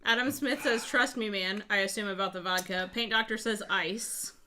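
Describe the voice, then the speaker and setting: A woman's voice: medium pitch, moderate pace, pushed and bright. A woman chatting casually as co-host of a livestream, reading out viewer comments, with some noise in the recording.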